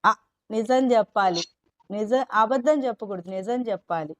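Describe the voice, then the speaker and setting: A woman's voice: medium pitch, moderate pace. A woman teacher talking patiently to young children, asking them questions and coaxing answers. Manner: mimics whiny children's talk when quoting. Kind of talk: teaching children in a live class.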